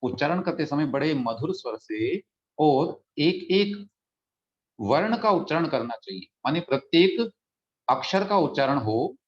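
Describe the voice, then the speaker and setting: A man teaching a religious text in an online class, patiently explaining pronunciation and slowly chanting verses. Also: on the high side, sing-song. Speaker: scripture teacher. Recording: dull lo-fi audio.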